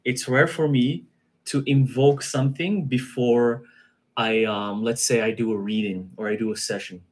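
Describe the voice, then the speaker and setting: Relaxed man chatting with repeated phrases. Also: mid-range voice, moderate pace. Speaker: guest practitioner. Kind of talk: casual live-stream conversation.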